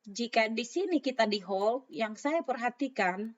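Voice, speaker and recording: A woman with a raspy voice, hoarse from a sore throat, casually talking through trading analysis and mixing in English phrases. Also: a little high, expressive, a little slow. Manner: informal, mixes English phrases into talk. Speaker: trader presenting market analysis. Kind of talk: casual spoken chart commentary. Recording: dull, lo-fi microphone sound.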